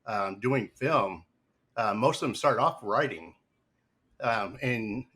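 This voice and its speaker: A man's voice: on the low side, slow, fairly bright tone. A man hosting a casual live podcast interview, talking loosely with many fillers and restarts. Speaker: podcast host.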